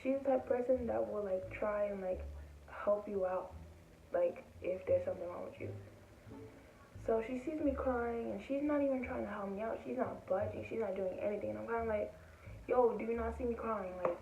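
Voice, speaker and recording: A woman's voice: medium pitch, vocal fry, mellow, slight background noise. A teenage girl telling a casual storytime about school, rambling with lots of "like" and acting out what people said. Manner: rambling, full of "like" fillers; acts out quoted people in her voice. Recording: tinny, roomy, distant from mic.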